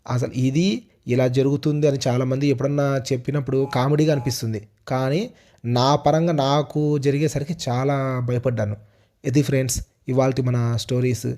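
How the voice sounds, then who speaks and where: A man's voice: medium pitch, steady tone, brisk, dark tone. A young man narrating a personal ghost story in a casual, repetitive way with small restarts. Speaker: storyteller host.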